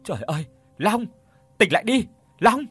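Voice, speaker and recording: A man voicing a frightened young village woman who calls out in a shrill, panicked way. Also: animated, moderate pace, bright, forceful tone, dry recording, faint music behind. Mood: terrified.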